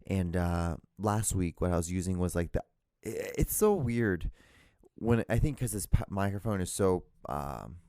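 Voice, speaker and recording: A podcast host with a very loud, very low voice chats alone on his solo show, rambling at a measured pace with plenty of fillers and restarted sentences. He's captured dry and close on a handheld digital recorder, with no room sound.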